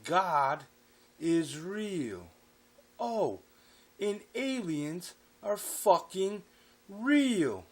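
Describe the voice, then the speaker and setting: A man voicing his drunk, furious middle-aged father, ranting and swearing loudly. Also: high voice, sing-song, very slow, long pauses, voice pushed up, full character voice. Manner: shouting, profane.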